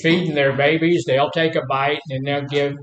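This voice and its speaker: A man's voice: on the high side, little pitch movement, moderate pace, echoey room, muffled recording, a crowd in the background. A middle-aged man teaching a casual class, folksy and full of questions to the room. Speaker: health instructor.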